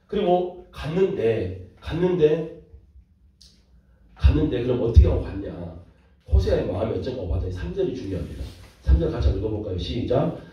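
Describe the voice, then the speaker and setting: A man preaching as a pastor, lively and full of rhetorical questions to his listeners. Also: medium pitch, a little fast. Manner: animated, rhetorical questions to the audience. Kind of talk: sermon lecture. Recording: echoey room from far off, dull lo-fi.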